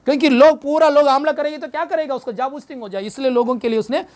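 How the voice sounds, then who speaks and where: A pastor preaching a Good Friday sermon, questioning the congregation and repeating phrases for emphasis. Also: male voice, very high voice, fairly even intonation, fast talker, a little mellow. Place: church service.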